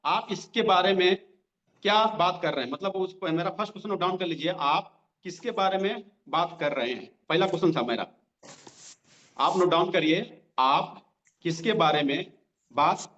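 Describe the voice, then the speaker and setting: A man running a direct selling training session, talking directly to his listeners and repeating each line slowly so they can write it down. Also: high voice, a bit bright. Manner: repeats lines slowly for note-taking; conversational, addresses listeners directly. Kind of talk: sales training lesson. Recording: dull lo-fi sound.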